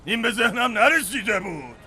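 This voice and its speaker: An actor playing a blustering local strongman who shouts orders to the townsfolk in a dubbed TV drama. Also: high-pitched, very animated, a little hiss or hum, exaggerated voice. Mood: commanding.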